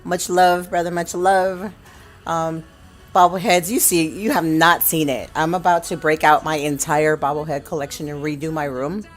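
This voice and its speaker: A woman's voice: deep voice, fairly even intonation, normal speed, soft background music. A woman game streamer chatting casually on a livestream.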